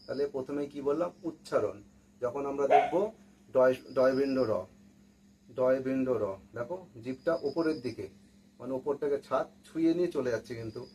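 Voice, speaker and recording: A man's voice: mid-range voice, fast talker, warm tone, slight background noise, poor audio. A man teaching a pronunciation lesson, patiently repeating example words and asking questions. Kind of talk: spoken language lesson.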